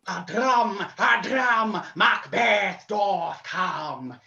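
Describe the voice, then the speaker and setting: A theatrical witch chanting incantations voiced by a man in a rehearsal scene. The delivery is very slow and drawn out, with a sharp bright edge. The audio is a little dull and muffled. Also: lively intonation, creaky, heavily acted. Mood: incanting. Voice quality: declaiming with sweeping pitch. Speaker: actor playing a witch in rehearsal.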